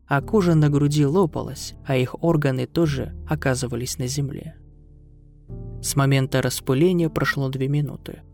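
A man's voice: a little high, darkish tone. A man reading a scripted horror story as its narrator. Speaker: narrator of bedtime horror stories. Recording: music behind the voice. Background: instrumental music.

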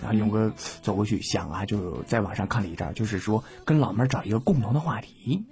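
A man's voice: on the low side, quick pace, a little mellow, faint music behind. A man, hosting a comedy podcast and telling jokes in a playful, slangy way. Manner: playful, laughs often, slangy. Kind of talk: casual joke telling.

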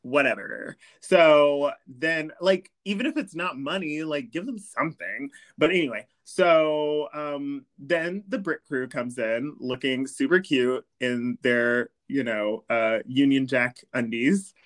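A man's voice: medium pitch, takes it slowly, few pauses. A man hosting a podcast, recapping an episode in an easygoing way and giggling often. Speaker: podcast host. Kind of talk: casual recap chat.

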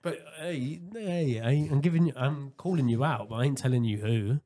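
A man's voice: mid-range voice, moderate pace, a crowd in the background. A man hosting a podcast, talkative and loose, swearing often and restarting his sentences. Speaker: podcast host. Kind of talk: casual chat.

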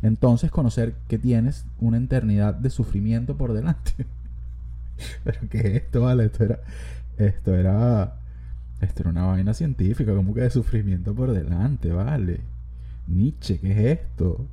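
A young Venezuelan man talking loosely to his listeners, his voice very dark and mellow with a husky edge. He rambles from one joke to the next and swears freely, like an easygoing podcast host thinking out loud. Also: on the low side, moderate pace. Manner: joking, profane, rambling. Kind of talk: casual comedic monologue.

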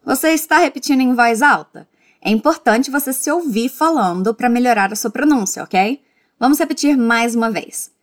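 A woman with a Brazilian Portuguese accent, teaching English in a podcast lesson and drilling phrases word by word with clear, careful pronunciation. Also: fairly high pitch. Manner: slow, clearly enunciated drilling that breaks phrases into single words. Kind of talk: podcast language lesson with repeat-after-me drills.

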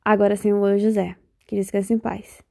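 With a flat, mid-range voice, vocal fry, and a slightly mellow tone, a young Bahian woman hosts a solo podcast at a moderate pace, her Bahian Brazilian Portuguese accent clear. She rambles reflectively and keeps cutting herself off; the studio-quality recording has no room sound.

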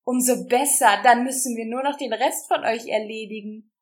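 A woman reading a storybook who voices a gloating male creature gang leader with a croaking, mocking voice. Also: a little high, normal speed, lightly acted. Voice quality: croaking groan. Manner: mocking, cruel.

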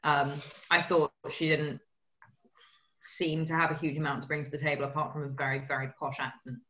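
Bright, blunt speaker in an echoey room. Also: mid-range voice, flat delivery, fairly quick, muffled recording. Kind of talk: casual film review chat. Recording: echoey room with faint hiss.

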